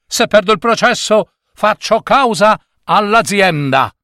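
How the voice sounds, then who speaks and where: A man voicing an irritable, hurried male lawyer in a storybook reading, talking in an urgent, complaining way. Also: high voice, lively intonation, sharp tone, no echo, clean studio sound, voice pushed up, exaggerated voice.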